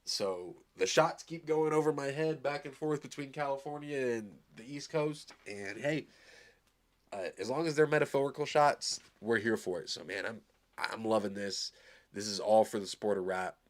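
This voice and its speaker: A man's voice: medium pitch, normal speed. A man from Arizona giving loose, rambling, upbeat commentary as he reacts to a new song. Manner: loose, rambling, filler-heavy, enthusiastic. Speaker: music reaction host. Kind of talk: casual live reaction commentary.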